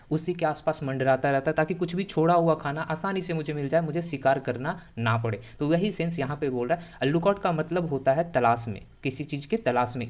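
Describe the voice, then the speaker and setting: A man with a slightly higher voice teaches English in Hindi. He stretches out each English phrase slowly and then hurries through the explanation, checking in often with his students. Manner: repetitive, checking in with "theek hai".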